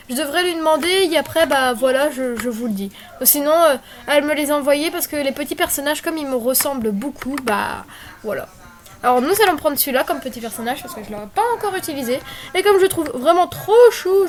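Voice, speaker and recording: High-voiced young woman chatting. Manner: chatty, rambling, many fillers and apologies. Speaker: tutorial maker. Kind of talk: casual screen-recorded tutorial. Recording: faint background noise and clicks.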